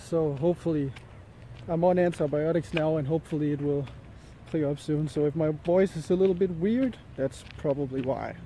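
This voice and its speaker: Laid back guy walking in the jungle talking to camera, bit sick, mellow tone, rambly, some outdoor noise. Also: a little high. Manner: musing, halting, searching for words. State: a bit sick with an ear infection. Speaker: vlogger. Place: outdoors in jungle, light rain. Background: faint outdoor ambience.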